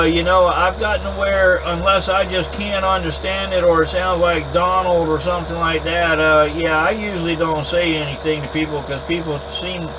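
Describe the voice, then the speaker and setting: A man having a casual two-way radio chat in an easygoing, halting way, often repeating words as he goes. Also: fairly high pitch. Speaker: amateur radio operator recording contacts. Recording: clear background hum and noise.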